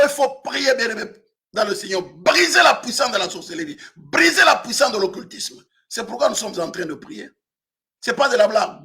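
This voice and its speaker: High, bright-voiced preaching man. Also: creaky. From Africa. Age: 50s. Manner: preaching with frequent shouted emphasis. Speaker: pastor. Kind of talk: sermon.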